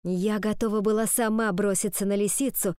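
A woman reading an audiobook in first-person narration with a measured storytelling delivery. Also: mid-range voice, fairly even intonation, a little mellow, clean tone, dry recording, clean studio sound. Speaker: audiobook reader.

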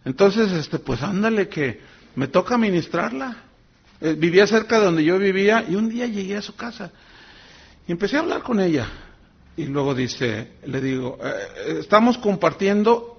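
A man, a pastor telling a story in a folksy, animated sermon, speaking straight to the congregation. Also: high-pitched, vocal fry, slightly rough, highs cut off.

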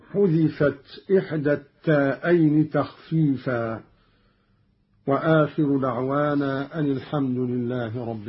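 A man presenting a radio program in a measured, deliberate way, explaining differences in recitation and quoting verses in a slower recited tone. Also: a little high, breathy edge. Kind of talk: scripted explanatory radio talk. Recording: dull lo-fi radio archive recording.

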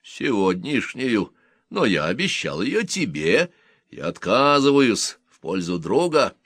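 A man's voice: lowish voice, very animated, takes it slowly, a bit bright, husky, no echo, studio quality, heavily acted. A man doing a brash, mocking young rogue. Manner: joking, pushy.

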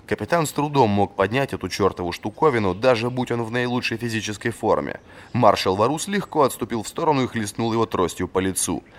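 A man narrating a fantasy audiobook in a lively, expressive scripted reading. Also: on the low side, quick pace.

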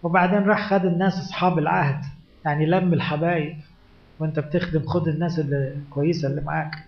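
A man's voice: fairly high pitch, steady tone, fast, gravelly. A male priest with an Egyptian Arabic accent delivers a sermon at a conference, pressing his listeners with rhetorical questions and retelling scripture dramatically. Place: conference hall. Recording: echoey hall, dull lo-fi conference tape.

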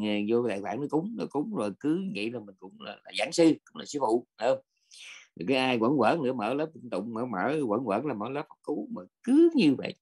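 A man in the role of a Buddhist monk gives a dharma talk, his voice gravelly and a little husky. He talks in a blunt, scolding way and keeps checking for agreement with short questions. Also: mid-range voice, a little mellow.

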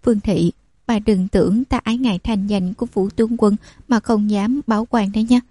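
A woman voicing a cool, sharp young noblewoman who speaks with calm command. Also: medium pitch, a little fast, no room sound, close to an everyday voice.

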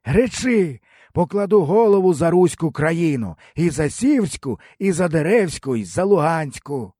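A male audiobook narrator voicing a stern, commanding old pagan elder with a husky, drawn-out and solemn delivery. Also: fairly high pitch, sing-song, mellow, no echo, clean studio sound, pitched above the performer's own voice. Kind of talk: audiobook character voice.

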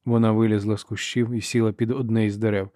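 Steady male audiobook narrator. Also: fairly low pitch, fast, dry recording, clean studio sound. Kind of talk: scripted narration.

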